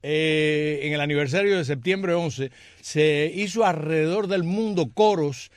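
A man's voice: a little high, unhurried, slight background noise. A man co-hosting a radio show, telling facts in an informative, storytelling way. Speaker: radio co-host.

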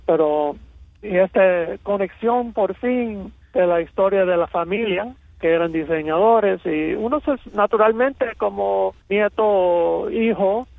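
A man from Miami with an American accent in his Cuban-rooted Spanish, telling personal stories as an interview guest, halting and slipping in English words. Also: high-pitched, vocal fry, no room sound, phone-quality sound. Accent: American-accented Spanish with Cuban roots. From Miami, United States.

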